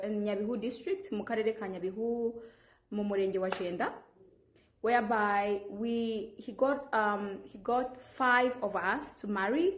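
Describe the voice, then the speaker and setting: Speaking directly to camera in a roomy-sounding space, this woman from Rwanda, a vlogger, presses an earnest and insistent public appeal. Her voice is mid-range, her accent Rwandan, and she frequently starts sentences over.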